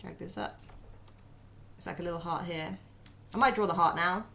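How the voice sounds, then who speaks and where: A woman's voice: fairly low pitch, normal speed, creaky, a bit bright, slight background noise. A woman streaming as she draws, chatting casually, muttering to herself and answering her chat.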